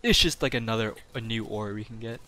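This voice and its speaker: A man's voice: lowish voice, brisk, a crowd in the background. A young man with a Midwestern accent chatting casually and joking while playing a game, swearing freely and laughing often. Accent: Midwestern American. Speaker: gamer host. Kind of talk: casual gameplay chat.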